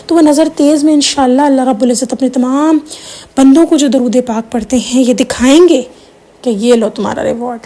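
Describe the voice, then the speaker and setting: Woman doing a chatty religious talk video, high soft voice, drops in english words. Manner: conversational, mixes in English words, tells personal stories. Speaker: religious teacher. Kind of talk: informal religious talk to camera.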